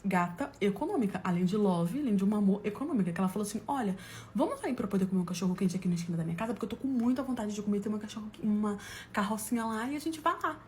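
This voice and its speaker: This Brazilian storyteller talks rapid-fire in a mid-range voice, with slight background noise behind her. Casual and animated, she recounts comic personal episodes, performing people's lines and laughing along.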